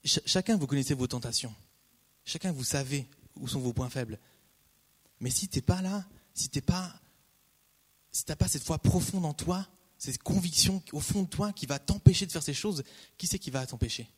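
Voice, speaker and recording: A man preaching a casual, conversational sermon, repeating key phrases and breaking off into lively asides. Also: on the high side, normal speed, slightly rough. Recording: long hall reverb.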